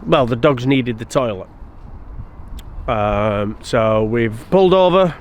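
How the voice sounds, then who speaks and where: A man's voice: mid-range voice, expressive, takes it slowly. A man chatting casually to camera for a vlog, outdoors on a canal boat. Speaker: narrowboat vlogger. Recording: idling engine noise, outdoors.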